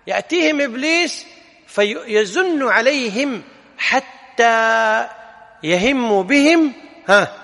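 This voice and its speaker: A male religious teacher, explaining a text to students in an animated way with rhetorical questions and corrections. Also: sits high. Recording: long hall reverb.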